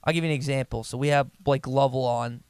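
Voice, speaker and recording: A man's voice: mid-range voice, fairly even intonation, quick pace, a little mellow, clear, resonant tone, no echo, clean studio sound. A man co-hosting a sports radio show, chatty and self-deprecating in casual talk.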